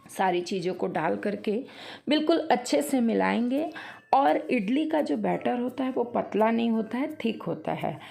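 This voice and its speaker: A woman's voice: on the high side, lively intonation, moderate pace, gravelly, mellow, soft background music. A woman, a cooking channel host, giving a homely, explanatory recipe tutorial voice-over and talking straight to her viewers.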